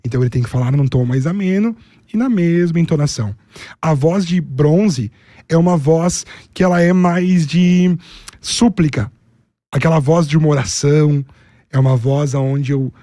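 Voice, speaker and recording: A man's voice: on the high side, dark tone, no echo, clean studio sound. A man with a Brazilian accent, a public speaking coach, explaining his methods methodically, step by step, as an interview guest. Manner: methodical, explains in numbered steps and lists.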